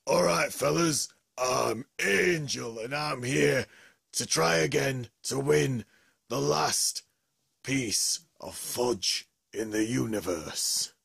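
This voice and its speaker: The host putting on a low, slow, deadpan voice for a toy contestant. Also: vocal fry, husky, no echo, studio quality, heavily acted. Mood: plaintive.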